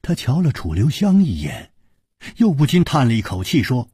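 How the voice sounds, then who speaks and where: A man narrating a martial-arts novel in a measured, expressive storyteller manner. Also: mid-range voice, husky, dry recording, clean studio sound.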